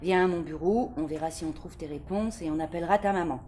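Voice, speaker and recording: A woman reading aloud and voicing a kind middle-aged librarian who speaks softly and reassuringly, sometimes a little stern. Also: fairly low pitch, fast, natural voice. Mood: gentle. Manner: soft, reassuring, at times gently stern.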